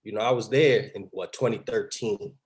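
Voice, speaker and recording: Male guest, lowish voice, cocky press-conference swagger. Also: fairly even intonation, normal speed, slightly rough. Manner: confident, boastful. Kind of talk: playful press-conference talk.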